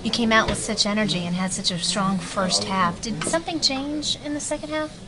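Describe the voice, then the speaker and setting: A woman reporter asking brisk, direct postgame questions. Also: mid-range voice, a crowd in the background.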